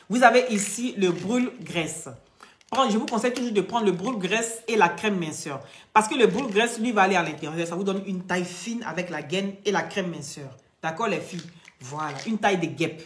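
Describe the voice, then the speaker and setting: This woman, whose first language isn't French, is an online vlogger and beauty product seller chatting live on social media and pitching products. She talks emphatically and lectures her viewers directly, in a medium-pitched, fairly bright voice. The room around her is echoey.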